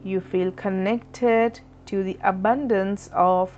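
A woman leading a guided chakra meditation in a slow, soothing, instructive way. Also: mid-range voice, steady tone. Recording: dull lo-fi recording with soft music.

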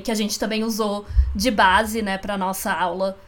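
A woman's voice: mid-range voice, flat delivery, normal speed, a bit bright. A young woman co-hosting a podcast, talking casually and often adding tag questions. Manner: conversational, frequent tag questions. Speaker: podcast co-host.

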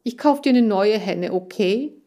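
A woman's voice: medium pitch, lively intonation, measured pace, mellow, voice pushed up. Woman voicing a sheepish clumsy boy. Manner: sheepish, defensive.

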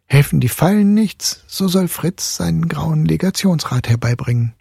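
A man's voice: on the high side, animated, moderate pace, vocal fry, slightly rough, no room sound, clean studio sound, pitched above the performer's own voice, exaggerated voice. Man doing a reassuring mother. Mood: soothing. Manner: reassuring, gentle. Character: soothing mother comforting her child.

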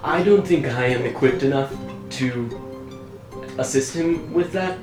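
A man's voice: mid-range voice, measured pace, echoey room, over music. A man playing a tabletop game, explaining in a playful, casual way with fillers. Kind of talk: casual in-character play.

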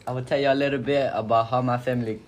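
A young man telling a family story in casual talk, halting and repeating himself. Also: medium pitch, steady tone, slight background noise. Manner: halting, repeats words, plain speech. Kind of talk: casual classroom discussion.

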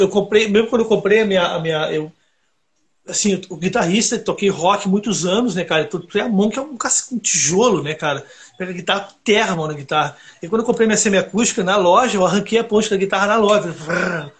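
High-voiced man rambling. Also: fast. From Brazil. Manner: rambling, animated storytelling with many fillers. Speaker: recording engineer, guitarist. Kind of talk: casual podcast chat.

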